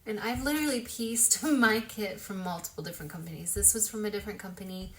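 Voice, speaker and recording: Here the makeup vlogger's voice is medium-pitched and a bit bright, moving at a quick pace with slight background noise. She chats casually at home while working through her routine, often making fun of herself.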